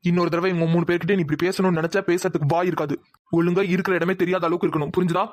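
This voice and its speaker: Brief: a bossy, scolding young cartoon man, mid-pitched and rapid-fire, as a voice actor plays him. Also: steady tone, lightly acted. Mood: stern. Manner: commanding, scolding. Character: stern young man, the household head. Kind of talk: cartoon dub acting.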